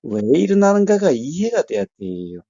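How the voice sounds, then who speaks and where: Calm man counseling a caller. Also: fairly high pitch, no echo, highs cut off. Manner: calm, measured, often murmurs short assents. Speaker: meditation teacher answering a caller. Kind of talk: phone counseling talk.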